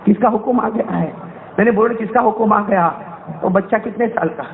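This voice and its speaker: A man's voice: high voice, vocal fry, slight background noise. A male Islamic preacher telling a story in an emotional sermon, fervently quizzing his audience. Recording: tinny phone-like sound.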